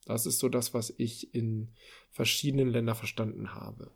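A man's voice: mid-range voice, steady tone, normal speed, creaky, breathy edge. A man in a casual political discussion, thinking aloud with frequent fillers and restarts.

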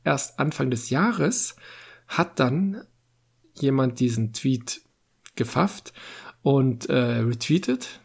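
A man's voice: medium pitch, expressive, slow, gravelly, long pauses, darkish tone, husky. A man chatting on a podcast, reflective and a little hesitant. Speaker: podcast co-host. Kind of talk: casual podcast chat.

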